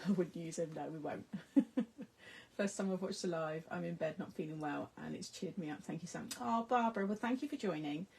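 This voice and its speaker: This middle-aged British woman's voice is on the low side, a little mellow and slightly rough, with vocal fry and a moderate pace. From the UK and speaking British English, she chats casually with viewers of her crafting livestream, reading their comments aloud and laughing often.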